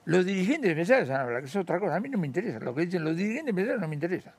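A man's voice: high voice, big pitch swings, very fast, slightly rough, dry recording. An older Argentine man, an economist being interviewed, talking bluntly and animatedly, acting out the voices of the people he quotes. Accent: Argentine Spanish. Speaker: economist guest. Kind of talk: casual interview talk.

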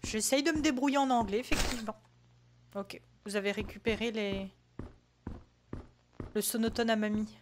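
A French woman streamer talks her viewers through a horror game, reacting out loud to every scare. Her voice sits high for a woman and has a faint hiss behind it. She is chatty and jumpy, keeping up a running commentary. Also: steady tone, moderate pace, pauses often. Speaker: gaming streamer. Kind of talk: casual let's-play commentary.

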